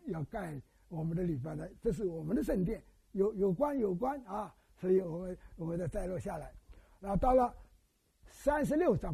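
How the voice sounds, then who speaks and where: A man's voice: sits high, gravelly, slightly rough. An elderly man from Wenzhou preaching a sermon, telling stories and quizzing his listeners with questions. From Wenzhou, China. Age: older. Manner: animated storytelling, quizzes the congregation with questions. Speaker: pastor.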